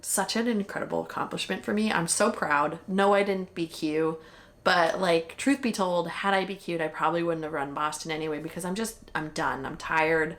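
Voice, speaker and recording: A young woman talks straight to camera as a vlogger, candid and chatty, with lots of "like" and some swearing. Her voice sits a little low for a woman. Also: moderate pace, a bit bright. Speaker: vlogger recapping a marathon. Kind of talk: casual chat.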